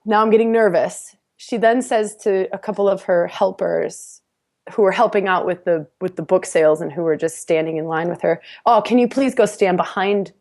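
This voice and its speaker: A podcast guest with a fairly low-pitched voice talks at normal speed, relating a personal story in an easygoing, animated style. She laughs a lot and frequently restarts what she's saying.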